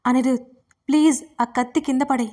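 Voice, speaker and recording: A woman voicing a young heroine, anxious and deeply loving, her lines pleading and fearful. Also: fairly even intonation, a little fast, a little mellow, natural voice. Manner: pleading, frightened cries.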